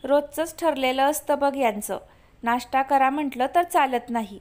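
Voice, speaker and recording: A woman voicing a warm, fussing older mother-in-law who coaxes and insists. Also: high-pitched, moderate pace, lightly acted. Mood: coaxing.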